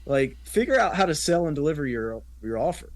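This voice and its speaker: A man's voice: fairly high pitch, very animated, a little fast, dry recording. A man who is a business coach, guesting on a podcast and chatting animatedly, mimicking others when he quotes them. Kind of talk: casual conversational interview.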